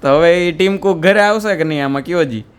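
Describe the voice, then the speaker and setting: A man's voice: on the high side, a little fast, clean tone. A young man, chatting and joking in a casual home vlog. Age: young adult. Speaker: vlogger. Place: family home indoors.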